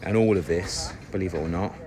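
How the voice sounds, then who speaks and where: Over loud noise at an outdoor construction site, with a crowd audible behind him, a low-pitched man speaks a little fast. He casually walks through his house build step by step, saying um a lot.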